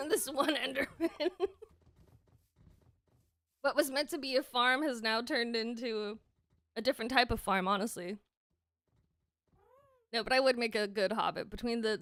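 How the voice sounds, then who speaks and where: A woman's voice: a little high, a bit bright, no echo. A young woman streaming a game, chatting casually, giggling often and sometimes talking with her mouth full. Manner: chatty, giggly, talks while eating.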